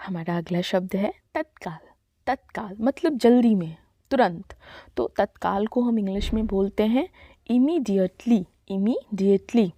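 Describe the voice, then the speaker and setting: A woman teaching a vocabulary lesson, speaking slowly and deliberately and spelling each word letter by letter. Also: mid-range voice, warm tone, no echo. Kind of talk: Hindi-to-English vocabulary lesson.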